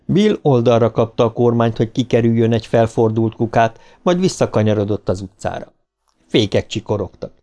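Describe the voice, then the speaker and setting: A male narrator reading a novel in a steady, measured way, his voice in a plain middle pitch. He keeps the narration even and composed. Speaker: audiobook narrator. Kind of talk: scripted narration.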